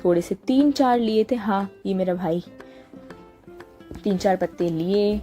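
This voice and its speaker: A young woman from India narrating a relaxed voice-over of her day at home, chatty and often pausing to search for a word. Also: lowish voice. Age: young adult. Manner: chatty, searching for words, frequent laughs. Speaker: vlogger. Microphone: small handheld mic.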